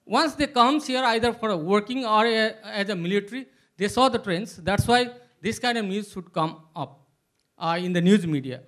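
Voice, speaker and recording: A man poses a long, rambling question to a panel. His voice sits high for a man, and he halts often, filling the gaps with "uh" and "you know." It sounds like off-the-cuff speech from the audience floor. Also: a bit bright. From Nepal. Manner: halting, many filler sounds. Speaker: audience member asking a question. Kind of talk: hesitant spoken question at a panel.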